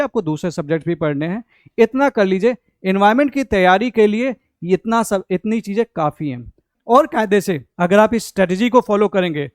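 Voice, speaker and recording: A man's voice: sits high, clear, resonant tone, no room sound, studio quality. A young Indian man, a coaching teacher, explaining a study strategy in a conversational, instructive way, mixing Hindi and English.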